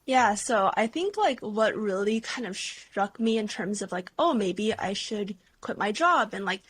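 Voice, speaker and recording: A young woman talks freely as an interview guest, her speech full of "like" and quick asides. Her voice sits at an ordinary middle pitch for a woman. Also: lively intonation, slightly rough. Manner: chatty, heavy use of "like". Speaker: guest, beauty content creator. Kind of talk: casual interview chat.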